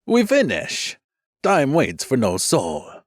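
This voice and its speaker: A man doing a smooth, scheming leader. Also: mid-range voice, huge pitch swings, takes it slowly, a little mellow, no echo, studio quality, voice pushed up, full character voice. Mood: smooth brisk. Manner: smooth and soothing.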